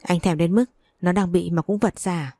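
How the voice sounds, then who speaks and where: A woman's voice: fairly low pitch, fairly even intonation, moderate pace, warm tone, no echo. A woman voicing a furious, betrayed wife who curses and scolds harshly.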